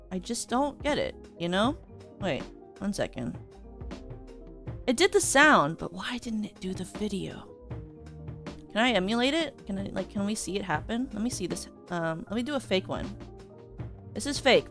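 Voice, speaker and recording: A woman's voice: a little high, fairly bright tone. A young woman streaming casual chat, giggly and rambling, with frequent restarts.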